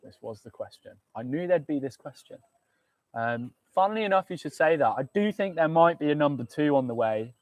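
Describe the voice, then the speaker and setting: A man's voice: a little high, animated, fairly quick, dry recording. British brewer guy chatting on a live tasting stream, lots of ums, easygoing. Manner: chatty, laughing, with many ums. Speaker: brewer hosting a beer tasting. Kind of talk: casual live-stream chat.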